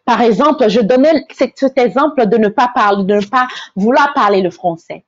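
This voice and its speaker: A woman's voice: on the high side, animated, moderate pace, no room sound, muffled recording. A woman from Togo, hosting a faith-based inspirational talk. She speaks earnestly, repeats her key phrases and stumbles over repeated words. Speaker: host, motivational speaker.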